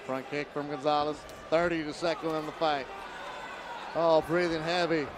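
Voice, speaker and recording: High-voiced male fight commentator over crowd noise. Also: little pitch movement, normal speed. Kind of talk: live MMA commentary. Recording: noisy live arena with loud crowd. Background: crowd and event ambience.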